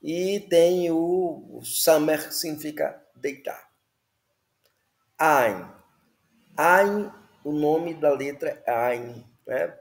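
A man's voice: fairly high pitch, very slow, gravelly, pauses often, reverberant. A man teaching the Hebrew alphabet, patiently repeating words and checking in with listeners. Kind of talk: slow classroom explanation.

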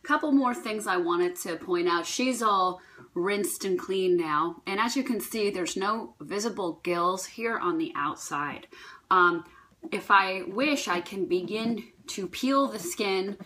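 Chatty New Jersey woman, bright voice. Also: medium pitch, slow pace. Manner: chatty, playful and rambling. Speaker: holistic health vlogger. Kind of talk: casual cooking and foraging vlog.

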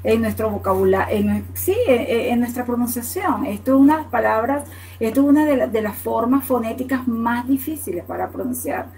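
Speaking at a normal speed with a slightly high, rather dark voice, a Latin American woman explains English words in Spanish during a live online lesson. She is patient, adds "ok?" after every point, and replies to viewers by name. The recording is rough.

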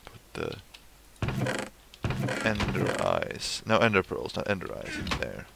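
A man's voice: low-pitched, wildly swooping pitch, takes it slowly, gravelly, heavy background noise. A young man giving casual let's play commentary, swearing and talking to the creatures in his game. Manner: swears at the game, talks to mobs.

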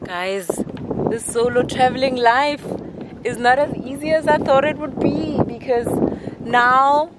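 The audio is poor as this twenty-something travel vlogger talks to her viewers from a boat on a lake. Her voice sits high and runs a little slow, and she's animated and talkative, exclaiming into a handheld camera held at arm's length.

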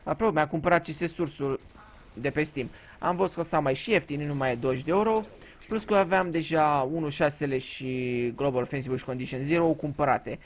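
A Romanian gaming YouTuber gives casual gameplay commentary, telling crude, joking stories and swearing freely. His pitch is fairly high, with a little hiss or hum in the audio.

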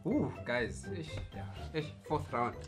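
A man co-hosting a casual couple challenge vlog, playful and teasing, often bursting into loud laughter. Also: medium pitch, big pitch swings, slow pace, soft background music. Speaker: vlogger co-host.

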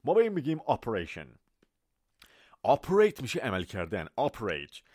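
A man's voice: mid-range voice, dry recording, clean studio sound. A man teaching English vocabulary to Persian speakers, repeating each word and explaining it with everyday examples. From Iran. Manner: animated, repeats words for pronunciation and switches between Persian and English.

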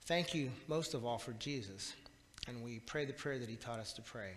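A man's voice: mid-range voice, a bit bright. Earnest man praying in a church hall. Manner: earnest, halting with repeated words. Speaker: pastor. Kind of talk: spoken church prayer. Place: small church sanctuary, indoors. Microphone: far camera at the back of the church. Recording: reverberant church hall, faint room hiss.

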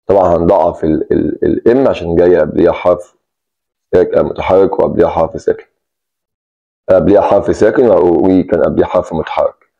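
An Egyptian man teaches an English grammar lesson in a very low, deeply mellow voice. He walks through each example step by step and keeps repeating warnings to pay attention. The recording sounds dull and lo-fi. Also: steady tone, fast, gravelly. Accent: Egyptian Arabic. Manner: explains step by step, repeats key words, stresses "take care".

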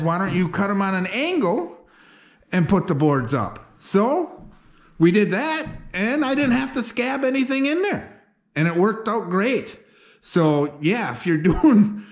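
Casting: middle-aged homesteader man, folksy and plainspoken, voice sitting a touch high, action-camera sound inside a bare wooden barn. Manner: folksy, plainspoken, rambling with fillers. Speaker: homesteader vlogger. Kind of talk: casual walkthrough talk. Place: outdoors in snow, then inside an unfinished wooden barn loft. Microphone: handheld or head-mounted action camera.

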